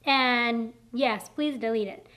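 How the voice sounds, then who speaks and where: A woman cosmetology teacher chats straight into the camera, rambling and self-deprecating as she encourages others. Her voice sits a little high, and she sounds a bit out of breath. It is recorded indoors on the camera's own mic. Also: takes it slowly, a bit bright. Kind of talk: casual talk to camera. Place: indoors, warm room. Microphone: camera mic, speaking to lens.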